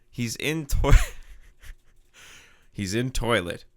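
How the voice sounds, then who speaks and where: A man with a stuffy nose giving casual, rambling live commentary on a video game match. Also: mid-range voice. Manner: rambling, chatty asides.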